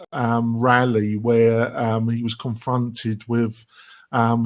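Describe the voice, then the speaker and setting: Sardonic English male host. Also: medium pitch. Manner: sardonic, filler-heavy questioning. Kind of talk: casual panel discussion.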